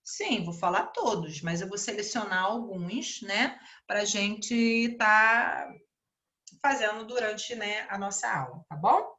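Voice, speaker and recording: A Brazilian woman with a bright, forward voice teaches an online English grammar lesson at a slow, patient pace. She talks with a Brazilian Portuguese accent, repeats each example word and keeps checking in with "né?". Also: mid-range voice. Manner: explains slowly, repeats words and asks "né?".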